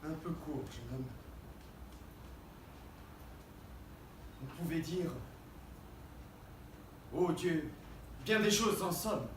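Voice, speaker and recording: A roomy, distant recording carries a proud, mocking swordsman-poet. The delivery is hammy and declamatory classical theatre verse, high in pitch and wildly swinging from hushed asides to booming cries. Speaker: stage actor. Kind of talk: theatrical verse monologue, French classical stage acting. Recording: roomy, distant mic, faint background noise.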